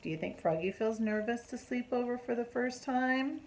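A middle-aged woman teacher reading a picture book aloud to her class, lively and asking the children questions. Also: on the high side, moderate pace.

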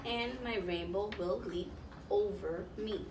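A volunteer children's story reader, a woman in her thirties with a medium-pitched voice, reads a picture book aloud to young children, stopping to explain and ask questions. She sits on the floor of a small indoor classroom, filmed by a camera a few metres away, so the sound is roomy and distant with noticeable background noise.

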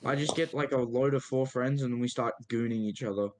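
A young man in a gaming voice chat, making loud, provocative jokes. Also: mid-range voice, steady tone, a little fast. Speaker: stream guest. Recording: voice chat with faint music.

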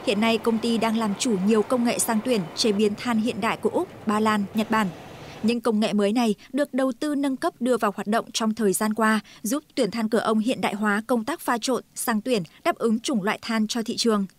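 A woman reading a scripted news voice-over in a smooth, even manner. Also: a little high, fairly quick. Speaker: news narrator.

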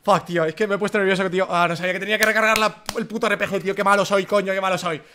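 A young man from Spain with a Spanish accent, live-streaming himself playing a game, excitable, swearing often and dropping English phrases into his commentary. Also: high voice, rapid-fire, background noise. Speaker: gaming streamer.

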